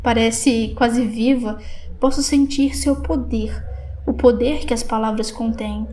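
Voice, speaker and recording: A woman with a Brazilian Portuguese accent narrating an audiobook in a measured, reflective first-person reading. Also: fairly high pitch, steady tone, mellow, a little hiss or hum.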